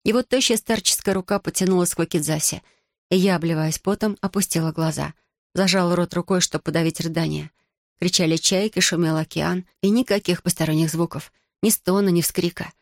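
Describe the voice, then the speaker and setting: Woman reading an audiobook, low and dry. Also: steady tone, a little fast, no room sound. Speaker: audiobook narrator. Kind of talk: first-person audiobook narration.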